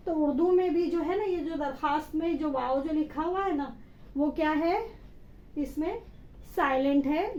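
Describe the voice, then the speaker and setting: A woman's voice: sits high, dark tone, roomy sound, highs cut off. A woman teaching an Urdu spelling lesson, patiently sounding out each letter and syllable.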